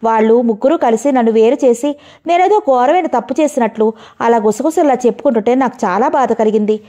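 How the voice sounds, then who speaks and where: A woman tells a first-person story with steady, emotional delivery. Her voice is fairly high yet soft and mellow. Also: fast.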